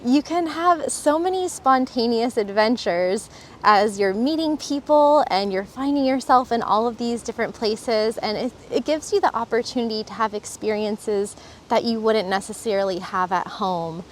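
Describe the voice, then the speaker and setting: A woman's voice: on the high side, normal speed, slight background noise. A woman from Florida, a travel vlogger, talking earnestly and enthusiastically in a casual reflective vlog, recorded outdoors. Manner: earnest and enthusiastic, with some fillers.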